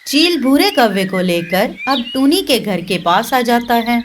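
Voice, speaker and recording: A woman's voice: a little high, animated, measured pace, slight background noise. A woman narrator reading a scripted cartoon story. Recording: constant birdsong and clicks behind voice. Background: birdsong.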